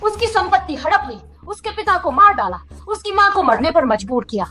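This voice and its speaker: A woman's voice: very high-pitched, very animated, moderate pace, bright, forceful tone, exaggerated voice. A woman voicing a remorseful young ex-wife who pleads tearfully in a dubbed drama. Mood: defensive.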